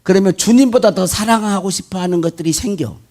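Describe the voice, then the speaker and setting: A male pastor delivering an animated sermon, firing rhetorical questions at the congregation and mimicking worshippers' prayers. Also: high-pitched, fast.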